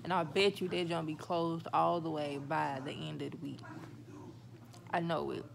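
A young woman chats to her viewers through new braces, so her words come out slightly slurred. Her voice sits low with a gravelly fry, and it is recorded on a phone with car noise clearly audible behind her. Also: steady tone, moderate pace. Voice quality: talks a little funny with braces. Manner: chatty, talks to viewers as y'all. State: talking with braces on. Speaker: vlogger. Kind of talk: casual vlog update. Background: car and road noise.

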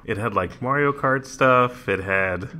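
A man's voice: mid-range voice, unhurried, bright, forceful tone. A man co-hosting a casual podcast, joking around and often laughing. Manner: giggly, joking, breaks into laughter. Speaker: podcast co-host. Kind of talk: casual chat.

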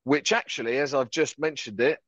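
Upbeat and talkative, a man from France laughs at himself while guesting on a podcast via headset video call from home. His mid-range voice is brisk and a bit bright. No room sound comes through, but the call audio is dull and somewhat lo-fi.

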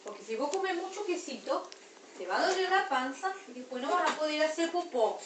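Woman with an Argentine accent, high voice, baby talk and gentle scolding, roomy noisy home video from a distance. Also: lively intonation, fairly quick. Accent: Argentine Spanish. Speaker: mother feeding her baby.

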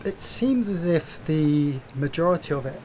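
This sailing vlogger, a man in his fifties, talks to camera outdoors on a sailboat deck, picked up by a small clip-on mic that adds a slight hiss or hum. He speaks at a moderate pace in a voice on the high side. His tone is easygoing, like friendly running commentary.

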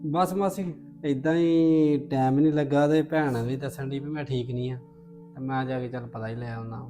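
A woman playing a grown man, a gentle brother on a visit who soothes and politely refuses. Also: very deep voice, steady tone, moderate pace. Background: music.

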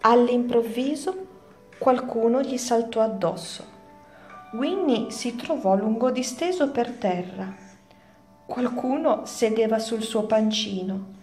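A woman teacher reads a children's story aloud, slow and clear, her voice sitting a little high. The room is roomy and echoing. Soft music plays faintly behind her.

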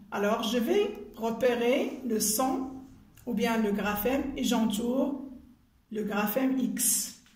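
Slow, careful woman teacher, echoey room. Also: fairly high pitch. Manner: slow, careful, spells out and repeats sounds and syllables. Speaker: primary school teacher. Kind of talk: recorded phonics lesson.

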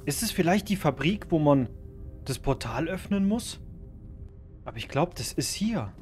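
A man commenting on his own survival gameplay, thinking aloud, swearing and breaking into sudden loud outbursts. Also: a little high, big pitch swings, normal speed, soft background music. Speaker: gaming YouTuber.

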